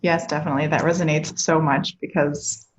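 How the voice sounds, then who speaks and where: A woman, an email copywriter on an online panel, speaking in an earnest, expressive way. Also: low voice, fairly quick, dull audio. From United States.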